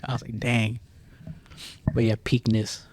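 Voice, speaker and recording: A young man from the United States co-hosting a casual podcast chat, relaxed, laughing and swearing, full of fillers. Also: mid-range voice, fairly quick. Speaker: podcast co-host.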